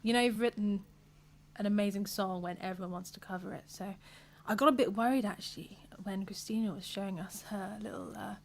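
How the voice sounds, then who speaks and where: A singer chatting bubbly and quickly from home over a video call. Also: female voice, mid-range voice, gravelly. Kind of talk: casual chat.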